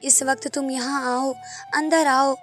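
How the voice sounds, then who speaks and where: A woman's voice: sits high, little pitch movement, moderate pace, soft background music, close to an everyday voice. A woman voicing a cold, dismissive mother who speaks curtly and carelessly in a storybook tale. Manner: curt and careless.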